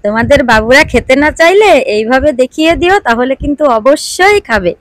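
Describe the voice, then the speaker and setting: A woman's voice: high voice, lively intonation, a little fast, fairly bright tone, no room sound, studio quality. A young woman, a mother hosting a family vlog, coaxing her child and chatting to viewers. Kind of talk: casual family vlog chat.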